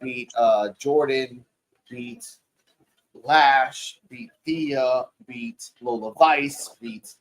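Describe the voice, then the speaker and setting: A man's voice: mid-range voice, animated, very slow, poor audio. A man in his forties casually recapping a wrestling show, loose and profane, rambling through the matches. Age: 40s. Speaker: podcast co-host. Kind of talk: casual wrestling review chat.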